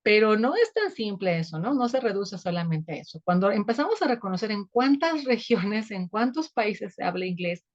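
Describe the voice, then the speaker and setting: A woman's voice: mid-range voice, animated, normal speed, hardly any pauses, lo-fi sound. A woman with a Mexican accent teaching a sociolinguistics class, explaining patiently and often checking in with tag questions. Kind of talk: online sociolinguistics lecture.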